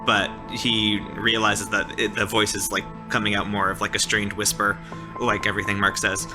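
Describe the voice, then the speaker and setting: Playing a tabletop roleplaying game, a man improvises narration in a casual, informal way, scattering "like" and "sort of" throughout. His fairly low voice is monotone and at normal speed, set over music in poor-quality audio.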